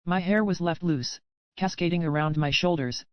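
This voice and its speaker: A woman narrating a romance audiobook in the first person, with even, steady storytelling in a dry, slightly muffled recording. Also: lowish voice, moderate pace, no echo.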